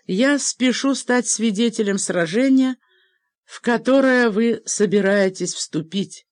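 A woman voicing a kindly, gently ironic middle-aged priest in an audiobook. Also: fairly high pitch, slow pace, no echo, clean studio sound, voice pushed up. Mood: teasing.

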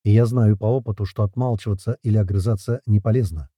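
A man narrating a first-person fantasy audiobook in an expressive, lively storytelling manner. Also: fairly low pitch, quick pace, husky, no echo, studio quality.

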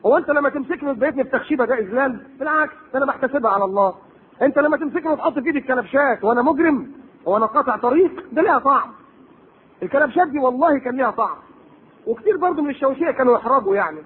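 A preacher with an Egyptian Arabic accent gives a religious lecture packed with rhetorical questions and sarcastic asides. His voice is very high, animated, very fast, and slightly rough, heard on a tinny lo-fi tape.

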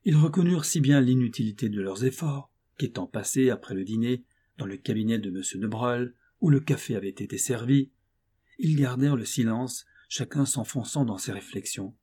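Male narrator reading a classic novel, dark and husky timbre, steady and expressive. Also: medium pitch, moderate pace. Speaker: audiobook narrator. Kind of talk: scripted audiobook narration.

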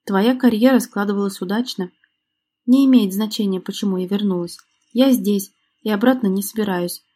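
A woman's voice: medium pitch, normal speed, mellow, slightly rough, natural voice. Woman reading as a wounded, angry young actress. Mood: curt. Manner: cutting, reproachful. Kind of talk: audiobook reading.

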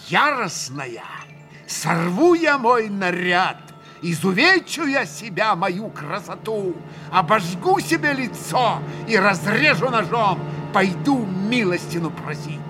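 A man's voice: sits high, very animated, takes it slowly, over music, voice pushed up, exaggerated voice. A man reading aloud and voicing a passionate young woman who lurches between fury and tears, with hysterical cries. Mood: anguished frenzy. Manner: hysterical outbursts, bitter and sobbing.

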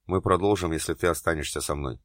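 A man's voice: low voice, fast, a bit bright, no echo, clean studio sound. A man reading an audiobook, voicing an insistent, passionate man who pleads and growls his lines.

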